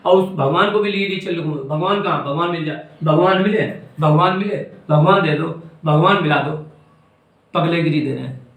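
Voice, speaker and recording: Braj-accented male spiritual teacher, high voice, emphatic and scolding, echoey room. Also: fairly bright tone. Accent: Braj Hindi. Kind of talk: devotional discourse.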